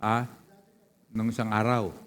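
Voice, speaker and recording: Preaching in a church hall, a man leads the congregation with questions and calls of praise. He speaks a little slowly in a fairly low, level tone over a noisy background. Long church reverb fills the recording.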